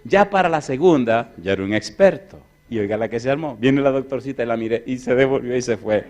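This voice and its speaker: A male pastor preaching a sermon through a lively, joking personal anecdote, acting out the other people in it. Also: medium pitch, a little fast, slight background noise. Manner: lively, jokey anecdote-telling; acts out other people's voices. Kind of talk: storytelling sermon.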